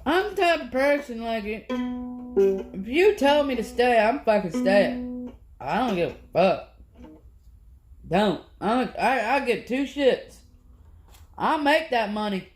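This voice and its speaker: A man's voice: very high voice, lively intonation, slow pace, pauses often, soft background music. A man vlogging in a casual, rambling monologue, swearing constantly as he rants about his grievances. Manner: profane, rambling, aggrieved ranting. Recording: echoey room.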